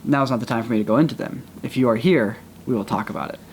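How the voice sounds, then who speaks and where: A man's voice: medium pitch, fast talker, slight background noise. A man hosting a video, explaining in a straightforward, earnest way what a job requires. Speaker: host explaining a job opening. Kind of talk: casual explanatory talk.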